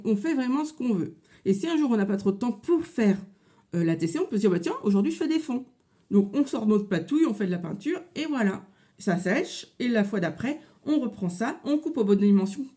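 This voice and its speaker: A woman's voice: medium pitch, warm tone. A woman in her thirties with a French accent, chatting casually in a craft tutorial from her home office, with many fillers. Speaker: crafting vlogger.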